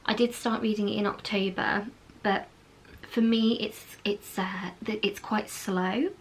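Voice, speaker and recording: A woman's voice: medium pitch, steady tone, unhurried, a little hiss or hum, rough recording. A woman chatting casually as a book vlogger and indie author, rambling along with plenty of fillers. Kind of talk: casual chat. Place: indoors at home, lit by a ring light.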